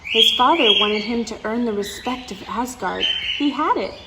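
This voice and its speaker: Reading aloud to young children as a story time host, this woman speaks at normal speed in an expressive voice on the high side. She livens the storybook with exclamations and asides to her audience, and clear background noise can be heard.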